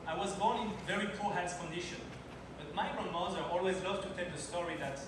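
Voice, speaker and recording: At a launch party, a conference speaker in his thirties from France gives a timed slide talk in his second language, English, telling personal stories with non-native phrasing. His voice sits high and his pace is fairly quick, heard through a distant mic in a noisy, heavily echoing hall.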